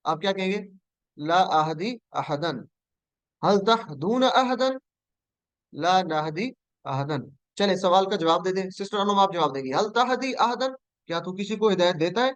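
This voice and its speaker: A man teaches an online class, patiently running repetition drills and calling on students by name. His voice sits high for a man and comes through smooth and crisp. The sound is dry and close. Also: no echo. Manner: patient, repeats drills and invites students to answer.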